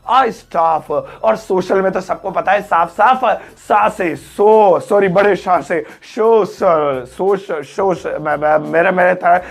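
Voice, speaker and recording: A man teaching an English grammar lesson, joking and teasing his students and drawing words out slowly. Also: sits high, vocal fry. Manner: joking, playful teasing of students, drawn-out slow-motion sounds.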